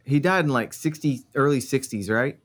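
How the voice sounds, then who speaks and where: A man's voice: mid-range voice, normal speed, fairly bright tone. A man taking part in a family trivia chat, rambling hesitantly with many fillers. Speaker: quiz contestant.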